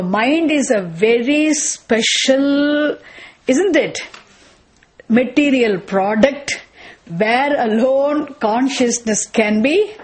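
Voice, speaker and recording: A woman with a Tamil accent teaching a spiritual lecture in a didactic way, often checking with short questions that listeners follow. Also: sits high. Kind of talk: Vedanta lecture, explanatory teaching.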